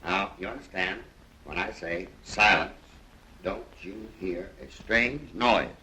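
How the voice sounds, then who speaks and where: A boisterous American millionaire. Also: male voice, mid-range voice, big pitch swings, moderate pace, bright, forceful tone, slight background noise, full character voice, poor audio. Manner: boisterous, showman-like. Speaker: American millionaire castle owner. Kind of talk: 1930s film acting. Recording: old film soundtrack with music.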